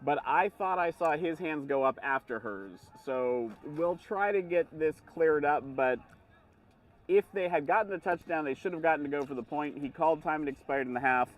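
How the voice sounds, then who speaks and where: A male sports commentator with a fairly high voice explains the game in long, running sentences. He sounds a little distant from the microphone, out at the field. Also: normal speed, lo-fi sound. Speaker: color commentator.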